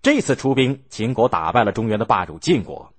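A man telling a history story in a lively, expressive way, acting out the scenes. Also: on the low side, brisk, dry recording.

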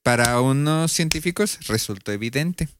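A man's voice: medium pitch, lively intonation, normal speed, slight background noise. A man with a Mexican accent co-hosting a casual podcast, joking around and then reading news notes aloud. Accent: Mexican Spanish. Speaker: podcast co-host presenting a news item.

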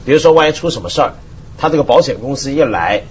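A man's voice: medium pitch, quick pace, a little hiss or hum. A man from Hong Kong, a talk show guest in casual chat, telling stories expressively and acting out what others said. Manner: expressive storyteller, acts out quotes. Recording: slightly muffled broadcast audio.

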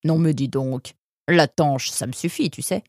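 A woman's voice: deep voice, a little slow, darkish tone, no echo, studio quality. A woman voicing an aging male animal doctor who is kindly and a little tired, in a storybook reading. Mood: weary kindly.

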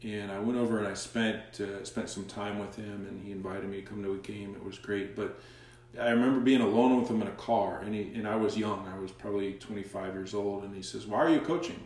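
A soccer coach, interviewed as a guest, tells stories animatedly in a fairly low, slightly fast voice, acting out the dialogue he quotes. The casual interview was recorded in a very echoey room, far from the mic.

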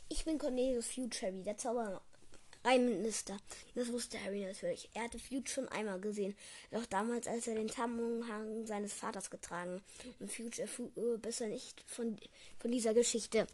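Woman, fairly high voice, casual read-aloud, stumbling, self-correcting. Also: fairly even intonation, normal speed, a little mellow, husky. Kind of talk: casual reading aloud of a book.

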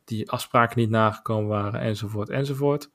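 A man with a Dutch accent co-hosting a podcast, talking in a measured, opinionated way with many filler pauses. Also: on the low side, fairly bright tone. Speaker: podcast co-host. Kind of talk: casual podcast discussion.

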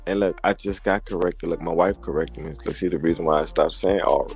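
A man with a New Orleans accent talks in an extremely deep voice. He chats in a laid-back, easygoing way and often repeats himself. Faint music plays behind him. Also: steady tone, fast. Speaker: guest. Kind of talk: casual chat.

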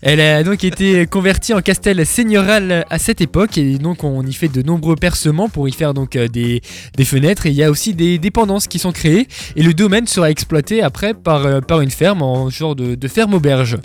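A man's voice: fairly high pitch, normal speed. Man presenting a radio history segment. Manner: relaxed storytelling with fillers, jokey. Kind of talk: casual morning radio chronicle. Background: faint music bed.

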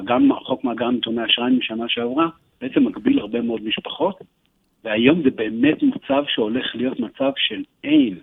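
Man with a gravelly husky voice, lively pitch, earnest and urgent with many pauses, tinny phone line. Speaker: interview guest, economic educator. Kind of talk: radio interview talk.

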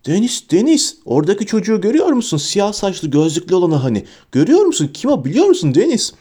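A man voicing an excitable young schoolboy in an audiobook, asking rapid, eager questions. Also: sits high, breathy edge, pitched above the performer's own voice, heavily acted. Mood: excited. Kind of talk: audiobook character voice.

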